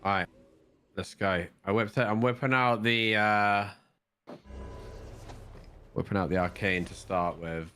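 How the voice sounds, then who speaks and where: A man co-hosting a game stream with a stuffy nose, chatting casually and calling out plays in quick bursts. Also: lowish voice, smooth. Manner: animated, calls out plays in bursts. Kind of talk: casual gaming banter.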